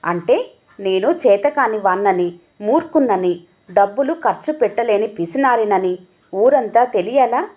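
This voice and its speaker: A woman's voice: medium pitch, lively intonation, measured pace, a little mellow, close to an everyday voice. A woman voicing an angry, scornful husband who scolds and mocks his wife. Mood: scolding. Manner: scolding, mocking.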